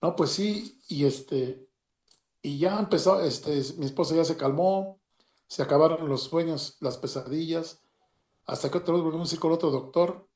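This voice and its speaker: A man with a Mexican Spanish accent tells a personal story in a halting way, with many restarts and retold dialogue. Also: fairly high pitch, a little mellow. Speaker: storyteller giving a personal testimony. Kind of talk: emotional personal story, casual. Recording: roomy echo.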